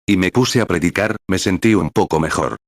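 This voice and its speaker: A man with a very low voice reads a translated sermon as a personal life story. He keeps a plain storytelling manner and calls out each paragraph number as he goes. The sound is dry and close, with no room echo. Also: a little fast. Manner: reads paragraph numbers aloud between passages. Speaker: sermon reader.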